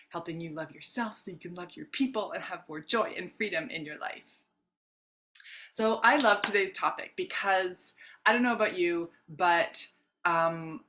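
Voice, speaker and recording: Slow, low-voiced woman coach. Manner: gentle, reassuring, chatty with viewers. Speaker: self-love and relationship coach. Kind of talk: live-streamed coaching talk.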